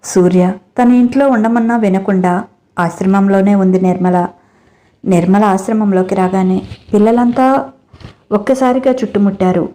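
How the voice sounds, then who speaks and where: A woman narrating a family story as a scripted audiobook, telling it in a gentle, expressive way. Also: medium pitch, moderate pace.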